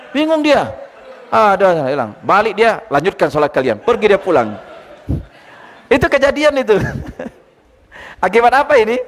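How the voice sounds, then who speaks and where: Man, religious teacher, lively lecture, questions the audience, high voice, long hall echo. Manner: lively, quizzes the audience, retells anecdotes.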